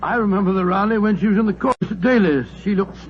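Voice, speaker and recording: An actor with a British accent playing a genial, bumbling doctor sidekick in a 1940s radio drama, flustered and polite. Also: male voice, high voice, quick pace, close to an everyday voice. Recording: muffled, noisy 1940s radio recording.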